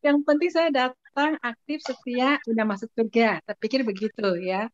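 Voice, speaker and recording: A woman giving a casual, lively spoken testimony as a guest, often laughing. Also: fairly high pitch, moderate pace, no room sound. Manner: lively storytelling with frequent laughs. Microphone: video call. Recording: muffled dry video-call audio.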